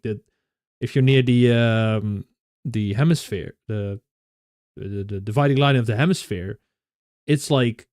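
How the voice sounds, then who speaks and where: A man's voice: mid-range voice, a little mellow, dry recording, clean studio sound. A young Dutch man with a Dutch accent, chatting casually with viewers, often laughing and restarting his sentences. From Netherlands. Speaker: streamer.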